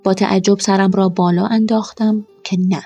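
Husky, mellow-voiced woman narrating. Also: mid-range voice, fairly even intonation, faint music behind. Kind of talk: scripted narration of a first-person story.

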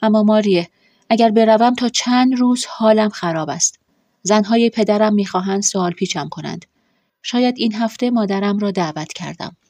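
A woman's voice: mid-range voice, darkish tone, no room sound, lightly acted. A woman voicing an earnest, somewhat worried young married woman. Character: young married woman, anxious yet warm mistress.

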